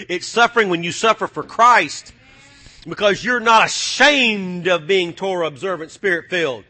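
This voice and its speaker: A man delivers a sermon, swinging between low, quiet passages and fiery, shouted calls to the congregation.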